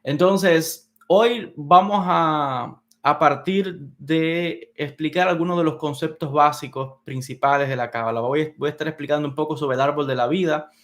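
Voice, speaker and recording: A man with a slightly high voice gives a beginner's lesson on Kabbalah. He talks in a measured, step-by-step way, circling back to key words as he points things out on a whiteboard. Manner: unhurried, explains step by step, repeats key words. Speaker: Kabbalah teacher. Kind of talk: explanatory lecture on Kabbalah. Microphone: teaching at a whiteboard.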